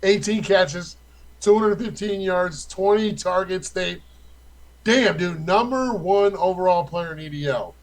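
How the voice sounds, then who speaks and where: A man's voice: high voice, measured pace, low-quality recording. A young man co-hosting a casual fantasy football chat, rattling off stats in a loose, profane way.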